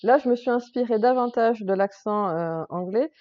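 A woman's voice: a little high, moderate pace, dull audio. A woman author hosting a casual live chat who laughs often and fills her talk with "euh" and "voilà". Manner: chatty, laughs often, many fillers.

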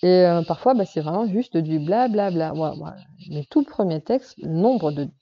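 A woman's voice: lowish voice, animated, moderate pace, highs cut off. A woman novelist giving a casual talk on writing craft to a group, hesitant and full of fillers and restarts. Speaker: novelist speaking to a workshop group.

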